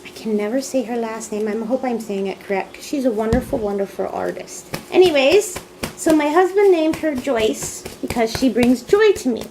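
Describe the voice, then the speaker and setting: A woman in her thirties from Canada, chatting casually as she answers a video tag, soft-spoken and rambling. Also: a little high, moderate pace, background noise. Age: 30s. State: tired. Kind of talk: casual chat.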